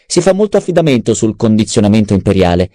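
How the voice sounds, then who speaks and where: A man's voice: lowish voice, sing-song, quick pace, dark tone, dry recording, clean studio sound, pitched above the performer's own voice. A man voicing a cunning, self-satisfied male adviser in an audiobook, eager and precise. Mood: scheming. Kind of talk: audiobook character voice.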